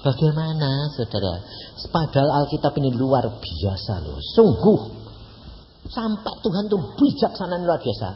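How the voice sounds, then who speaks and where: A man in his eighties with a Javanese accent, preaching as an evangelist in a folksy, animated storytelling manner full of mock dialogue. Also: fairly high pitch, moderate pace. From Central Java, Indonesia. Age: 80s. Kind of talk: sermon. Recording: echoey hall, dull lo-fi, faint hiss.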